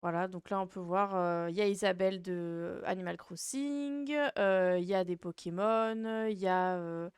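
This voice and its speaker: A woman's voice: on the low side, moderate pace, hardly any pauses, clear, resonant tone, no room sound, studio quality. A woman hosting a livestream in casual chat, with a cute, playful and rambling, hesitant way of talking. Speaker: VTuber livestream host.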